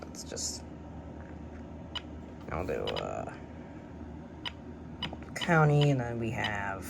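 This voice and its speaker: A radio collector shows off his collection by the shelves in his home, giving a casual, unscripted tour that rambles, hesitates, and often trails off. His mid-range voice is creaky and very slow, with pitch that swoops wildly. The amateur home recording is noisy.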